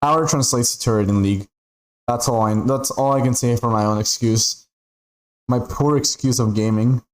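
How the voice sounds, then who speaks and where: A man's voice: mid-range voice, normal speed, poor audio. A young man from Peru chatting casually while streaming a game, rambling and packing his talk with "like" and "right?". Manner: rambling, chatty, filler-heavy with frequent "like" and "right?". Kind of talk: casual chat while gaming.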